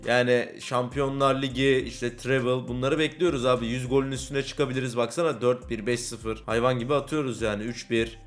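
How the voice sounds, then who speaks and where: A man's voice: medium pitch, steady tone, a little fast, few pauses, soft background music. A young man casually commenting on a football career-mode game, talking to viewers and swinging between cheer and grumbling. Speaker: gaming YouTuber.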